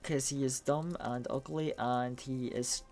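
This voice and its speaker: A Scottish streamer talks through a game live in loose, casual chat. The voice sits at a middling pitch and runs excitable, with plenty of swearing. Words trip and repeat as the thoughts tumble out. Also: measured pace, faint music behind. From Scotland.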